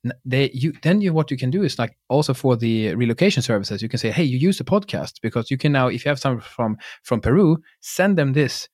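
A male podcast host talks very fast, giving animated, chatty advice. His mid-range voice is recorded dry, with no room sound around it. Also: mid-range voice, no room sound. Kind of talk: casual podcast interview.

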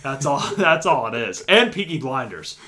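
A man's voice: mid-range voice, big pitch swings, moderate pace, bright, forceful tone, a little hiss or hum. A man co-hosting a casual sports podcast, rambling and swearing freely as he corrects himself mid-sentence. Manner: rambling, profane, self-correcting. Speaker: podcast co-host.

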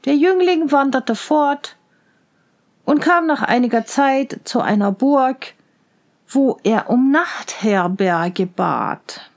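A woman reading a fairy tale aloud in a slow, soft, partly whispered narration. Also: sits high, lively intonation. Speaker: storyteller.

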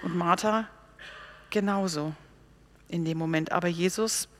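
A woman preaching a sermon, telling stories and acting out the people she quotes with lively pauses and hesitations. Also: lowish voice, a little hiss or hum. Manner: lively storytelling, animated quoting of others, with pauses and hesitations.

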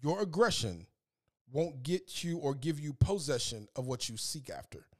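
A man's voice: a little high, big pitch swings, normal speed, a little mellow. A man hosting a podcast, giving an earnest, preachy, faith-based motivational talk and repeating words as he gets fired up. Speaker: podcast host.

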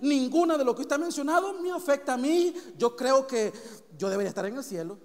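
Brief: a boastful, defensive churchgoer who swears he's blameless, put on by a high-voiced preacher in a reverberant hall. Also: lively intonation, brisk, a little mellow, a little hiss or hum. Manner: boastful denials, protests innocence. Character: smug self-righteous male churchgoer, defensive.

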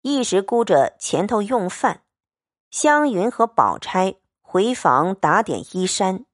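Audiobook narrator, woman, slow and measured, lilting, dry close mic. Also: medium pitch, sing-song, no room sound. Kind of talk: classic novel audiobook reading.

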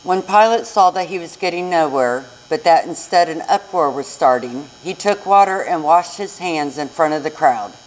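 An American woman with a deep, expressive voice narrates a scripture passage during a church service, keeping a moderate pace with few pauses. The live recording is rough.

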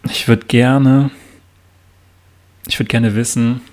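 A young man in casual chat with an old school friend, relaxed and talkative, asking many questions. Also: medium pitch, slow pace.

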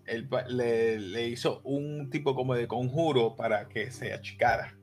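A man, co-hosting a casual anime discussion, talking in an excitable, rambling way and dropping in English words. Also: medium pitch, a little slow, soft background music. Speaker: co-host.

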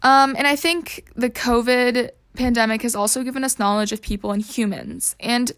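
A woman's voice: on the high side, steady tone, normal speed, fairly bright tone. A young woman hosting a casual solo podcast, rambling with many fillers and self-corrections. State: hiccups. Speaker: podcast host.

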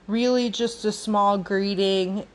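A woman's voice: mid-range voice, steady tone, slow. A woman in her late twenties hosting a podcast alone, talking in a reflective way with many fillers and restarts. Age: 20s. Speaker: podcast host. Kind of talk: casual solo podcast talk.

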